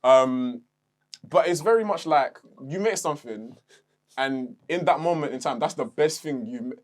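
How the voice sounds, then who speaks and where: A young man, co-hosting a casual podcast chat, animated and quick to swear and laugh. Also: a little high. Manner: animated, swears and laughs, acts out his own inner voice. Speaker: podcast co-host.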